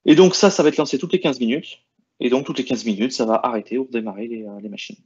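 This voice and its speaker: A man's voice: medium pitch, fast talker, a little mellow, breathy edge, lo-fi sound. A man explaining cloud settings in a screen-share walkthrough, hesitating often with fillers and restarts. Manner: hesitant, many "euh" and restarts while clicking through settings. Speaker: IT presenter.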